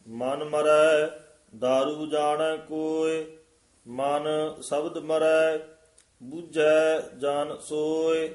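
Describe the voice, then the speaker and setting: A man reciting scripture in a slow, sung chant as a student repeating a teacher's corrections. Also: fairly high pitch, flat delivery, darkish tone, reverberant.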